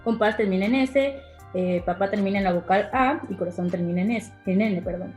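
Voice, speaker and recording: A woman's voice: mid-range voice, a little fast, darkish tone. A young woman giving a class presentation, hesitant, with many fillers. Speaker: student presenter. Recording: echoey room with faint music.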